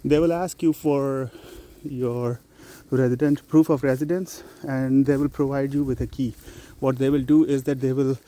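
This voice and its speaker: A man's voice: medium pitch, steady tone, moderate pace, few pauses, mellow. A man walking outdoors through a neighborhood, giving practical tips in a chatty, explanatory vlog style. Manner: conversational, explanatory, with fillers. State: out of breath on an incline. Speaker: vlogger giving newcomer tips. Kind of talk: casual vlog talk while walking.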